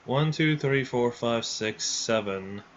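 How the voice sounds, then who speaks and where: A man runs a build showcase on a live stream, talking through his headset mic in a medium-pitched voice at a slow pace. He chats casually and rambles, restarting often. The stream audio is dull and lo-fi.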